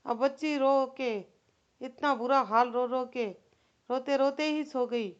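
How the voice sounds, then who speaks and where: A woman with a high voice tells a devotional folk tale in a loose, casual, repetitive way, often turning to the listener with asides. The recording is dull and lo-fi. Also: steady tone, slow pace, clear, resonant tone. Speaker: storyteller.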